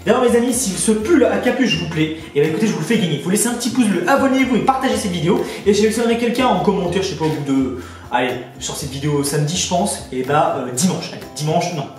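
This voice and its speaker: A man talks rapidly and eagerly into a headset, calling his viewers his friends as he unboxes things. His voice comes across distant in a very echoey room, with music playing underneath. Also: sits high. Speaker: YouTuber. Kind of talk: casual unboxing chat. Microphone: borrowed headset.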